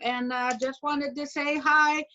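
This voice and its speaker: A woman's voice: high voice, level tone, a little slow, bright, forceful tone, lo-fi sound. A cheerful woman on a video call greeting friends with bubbly enthusiasm. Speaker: community member.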